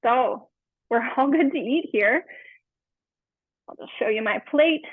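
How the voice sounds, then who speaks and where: A dietitian in her thirties explains nutrition in a friendly way, full of fillers, during a live webinar cooking demo. Her high-pitched voice is slow, slightly rough and lively in intonation, with no room sound. It comes through a remote webinar call, sounding tinny and phone-like.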